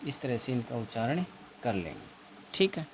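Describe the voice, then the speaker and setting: A man teaching phonetics for an exam, slowly repeating each word and quizzing his viewers. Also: mid-range voice, big pitch swings, a little hiss or hum. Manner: slow, repeats words over and over, quizzes the viewer. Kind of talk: exam-prep phonetics lesson.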